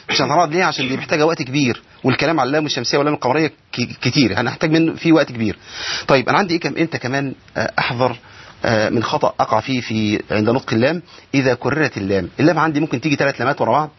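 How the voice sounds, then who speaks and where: A man's voice: mid-range voice, husky, muffled recording. A man with an Egyptian accent teaching Quran recitation rules, explaining step by step and asking and answering his own questions. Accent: Egyptian Arabic. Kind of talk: tajweed lesson.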